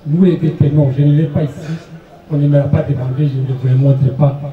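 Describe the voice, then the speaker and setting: A man's voice: on the high side, fairly even intonation, fairly quick. A man from Congo, testifying insistently in court and repeating himself for emphasis. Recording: echoey, tinny, from far off.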